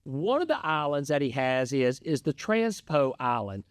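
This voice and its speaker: A middle-aged man co-hosting a podcast, telling a rambling, excitable travel story in casual chat. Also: medium pitch, normal speed, clean tone, no echo. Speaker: podcast co-host.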